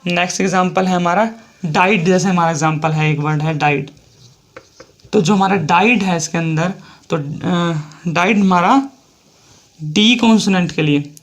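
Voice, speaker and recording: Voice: medium pitch, unhurried. A shorthand teacher with an Indian accent explaining a lesson step by step, repeating each example and spelling words out letter by letter.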